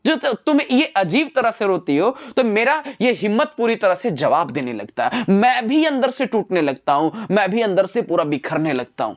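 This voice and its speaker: A woman's voice: medium pitch, very animated, moderate pace, few pauses. A woman teacher explaining a poem line by line, using everyday examples and asking her students rhetorical questions. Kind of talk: poetry lesson explanation.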